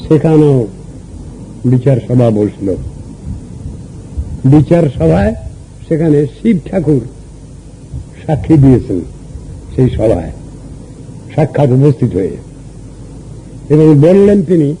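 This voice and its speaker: An older man from Bengal, a Vaishnava guru, giving a devotional sermon in a measured teaching manner, asking questions and reciting verses. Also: a little high, big pitch swings, mellow, slight background noise, low-quality recording.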